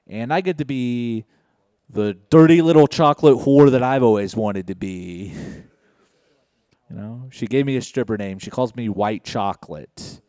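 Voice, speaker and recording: A young man from Indiana doing a stand-up set on a comedy club stage, deadpan and low-key with sudden loud outbursts. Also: measured pace, dry recording, clean studio sound.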